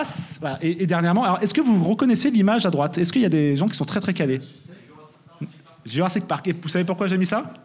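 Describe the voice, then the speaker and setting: A young man giving a lively conference talk, often checking in with "d'accord?". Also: high-pitched. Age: young adult. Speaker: conference speaker.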